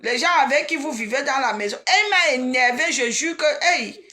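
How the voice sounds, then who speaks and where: A woman, chatting casually and excitedly on a live stream and teasing her viewers. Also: high voice, moderate pace. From Cameroon.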